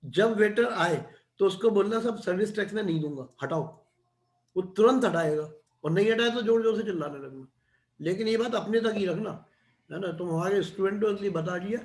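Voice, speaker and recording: A middle-aged man with a high voice gives a classroom lecture in a reverberant space. He teaches conversationally, often checking in with students and repeatedly adding "है ना".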